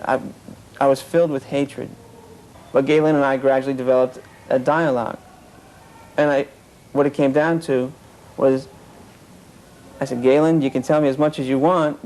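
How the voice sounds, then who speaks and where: A man's voice: mid-range voice, a little mellow, low-quality recording. A man telling an earnest personal story about his past, often quoting what others said. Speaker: interviewee. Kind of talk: personal account of cult experience.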